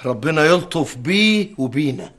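An actor playing a middle-aged Egyptian husband, exasperated and trying to calm his wife. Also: a little high, normal speed. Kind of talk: TV drama acting.

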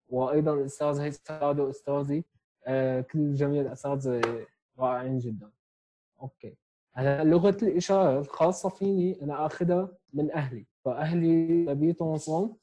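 Over a video call on an earphone headset mic, a Syrian-accented man in his twenties gives a step-by-step sign language lesson from a small room at home, checking in frequently with "okay?". His voice is fairly high and mellow, though the recording is low-quality.

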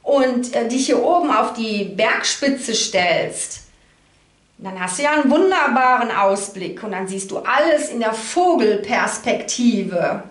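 Seated at a card table in an indoor room, this middle-aged host reads cards for her viewers in a slightly high voice with lively intonation and a slow delivery. Her informal manner is reassuring and chatty, sprinkled with small tag questions. Echo from the room is audible.

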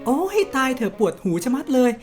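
A man's voice: very high voice, very animated, a little fast, a little mellow, faint music behind, pitched above the performer's own voice. A man voicing an eccentric young female witch who kidnaps people, with a breezy, teasing, sing-song delivery. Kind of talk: game dialogue dub.

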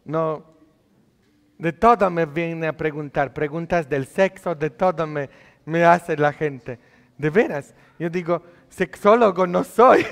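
A man's voice: on the high side, fairly even intonation, slow pace, in a large hall. A male priest giving a sermon, teasing and scolding the congregation with many questions. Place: church.

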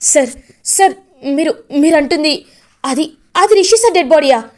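A woman voicing a polite, anxious male officer asking quick questions in a serial recap. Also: sits high, expressive, voice pushed up. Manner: anxious, respectful.

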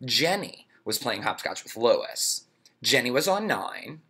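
A man reading a children's storybook aloud in a playful, expressive way. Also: mid-range voice, measured pace, husky. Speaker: reader.

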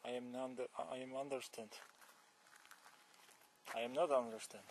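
A young Polish man, a cyclist vlogger, jokes through a one-sided phone call while out on a forest trail and fields, speaking broken English with a Polish accent and exclamations of shock. His voice is medium-pitched with little pitch movement and a moderate pace. The camera is held close at arm's length, and there is a little hiss or hum.

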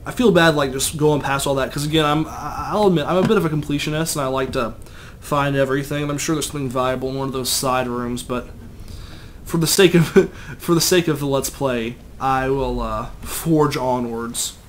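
A man's voice: mid-range voice, fairly quick, a little hiss or hum. Rambling young man narrating gameplay. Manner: chatty, rambling, self-deprecating. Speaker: let's play gamer. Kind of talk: casual gameplay commentary.

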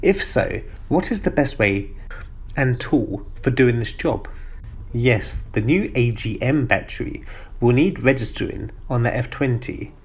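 A man's voice: mid-range voice, husky. A man hosting a car channel, reading out viewer questions and answering each one with plain, methodical explanations.

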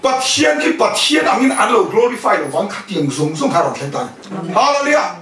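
一位在家庭团契上讲道的男人，不断向听众发问，并夹杂英语词汇。. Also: male voice, sits high, big pitch swings, brisk, music in the background. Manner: keeps questioning the listeners; mixes in English words. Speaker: preacher. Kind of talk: sermon at a house fellowship. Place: indoors at a home fellowship. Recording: echoey room, voice from a distance.

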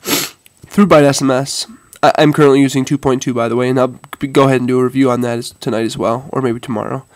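In a studio-quality recording with no echo, a man with a head cold and blocked nose casually demonstrates a phone for viewers. He speaks quickly in a mid-range, congested voice with fairly even intonation, sounding hesitant and informal and calling them "guys."

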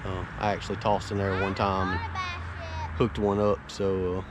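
Out by a neighborhood pond, this Florida Panhandle man, who runs fishing charters, wears an action camera and chats loosely for his vlog while stopping to coach his kids. He talks in a low monotone at a moderate pace, easygoing and rambling. Background noise comes through.

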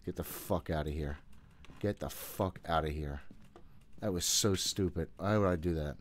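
A man in his thirties with a low voice and normal speaking speed hosts gameplay from a room at home. His commentary is casual, jittery and profane, and he often talks to himself.

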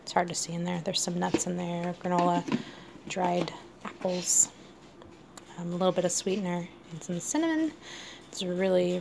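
A woman's voice: fairly low pitch, gravelly. A woman in her thirties chatting casually in her home kitchen, showing pantry staples with plenty of ums and easy laughs. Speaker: food vlogger. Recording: noisy home recording.

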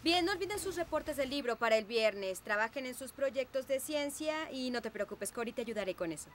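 A woman's voice: high voice, animated, fairly quick, slight background noise. A woman playing a kind, orderly young schoolteacher in a film dub. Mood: instructive. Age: young adult. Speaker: teacher. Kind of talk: Spanish film dub dialogue.

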